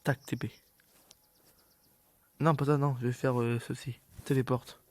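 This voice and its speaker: A man's voice: mid-range voice, level tone, measured pace. A man doing casual, rambling gameplay commentary for his viewers, playfully mock-exasperated as he talks half to himself. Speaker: gaming video creator.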